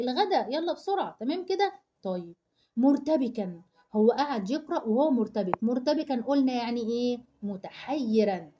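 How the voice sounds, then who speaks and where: Egyptian woman, primary teacher, drills word meanings with questions, higher mellow voice, dull lo-fi sound. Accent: Egyptian Arabic. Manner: asks questions and answers them herself, repeating word meanings. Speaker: primary school Arabic teacher. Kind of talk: online reading lesson for young children.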